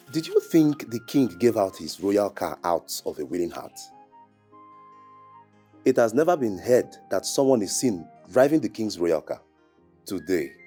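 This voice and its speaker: Careful buddy, lowish voice but lively, deferential, film drama. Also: male voice, slightly rough, exaggerated voice. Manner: cautioning. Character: cautious, deferential male friend and subject.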